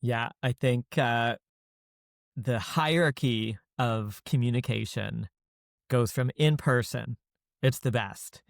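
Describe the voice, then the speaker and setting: A man hosting a podcast, speaking in a measured way and laying out his ideas step by step. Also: medium pitch, creaky, no room sound, clean studio sound. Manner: measured, explains in orderly steps. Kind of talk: casual conversation.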